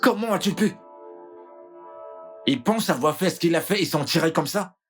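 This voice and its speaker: A man's voice: fairly high pitch, lively intonation, normal speed, soft background music, natural voice. A man playing a defiant, vengeful young brother. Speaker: brother of the wronged sister. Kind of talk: dubbed film acting.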